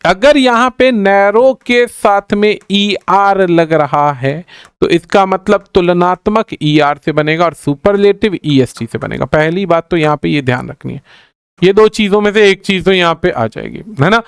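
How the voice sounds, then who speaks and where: High, smooth-voiced male teacher. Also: a little slow, dry recording, clean studio sound. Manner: repeats key points, calls students "bhai", mixes in English grammar terms. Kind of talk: exam answer-key explanation.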